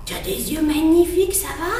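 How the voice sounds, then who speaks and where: A woman's voice: extremely high pitch, animated, fairly quick, darkish tone, far from the mic. Woman doing an old tired turtle puppet. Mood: weary. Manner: fussy, moaning, sing-song. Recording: echoey room, faint noise.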